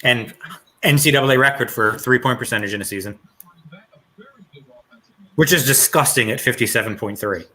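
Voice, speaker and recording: A man's voice: mid-range voice, moderate pace, long pauses, pushed and bright. A man hosting a casual trivia podcast over a call, reading clues aloud and laughing easily. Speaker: trivia quiz host.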